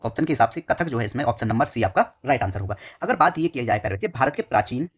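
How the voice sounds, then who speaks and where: A man's voice: medium pitch, lively intonation, breathy edge. Man, exam tutor, dictating notes, repetitive, dull recording, pen scratching behind. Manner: repetitive, dictating slowly while writing; addresses students fondly and often. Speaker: exam coaching teacher. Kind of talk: whiteboard lesson.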